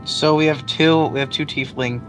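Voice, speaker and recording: A man's voice: a little high, fairly even intonation, moderate pace, fairly bright tone, poor audio. A man playing a tabletop game, chatting casually and jokingly with the group. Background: background accordion music.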